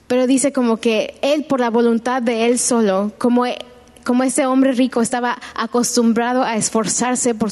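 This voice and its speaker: Higher-voiced woman preaching conversationally. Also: darkish tone. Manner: conversational, searching for words with restarts. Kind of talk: sermon.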